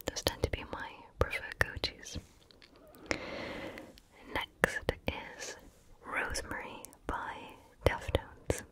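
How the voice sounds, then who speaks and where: Woman whispering softly, close to the ear. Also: takes it slowly, long pauses. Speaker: ASMR video host. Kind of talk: whispered ASMR chat about favorite music.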